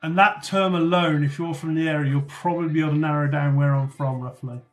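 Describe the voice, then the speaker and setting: A chatty man with a slightly high voice. He hosts a casual livestream and answers viewer comments one after another in a loose, offhand way, swearing now and then. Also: steady tone, fast talker. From North Somerset, England. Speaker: livestream host.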